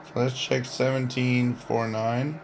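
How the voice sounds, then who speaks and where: A man in his fifties, host of a live shortwave radio stream, takes it slowly while rambling and joking over viewer comments. His medium pitch barely moves, and there's a little hiss or hum.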